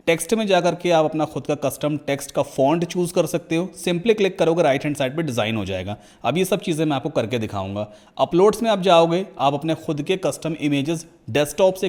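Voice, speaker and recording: Guy doing a click-by-click tutorial, easygoing, kinda high voice. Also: a little mellow. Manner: casual, talks viewer through clicks step by step. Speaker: tutorial instructor. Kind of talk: screen-recorded software tutorial.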